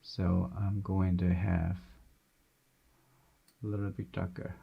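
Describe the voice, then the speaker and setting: Gentle, low gravelly male painting instructor. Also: little pitch movement, slow pace, lo-fi sound. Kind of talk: step-by-step painting demonstration, unscripted.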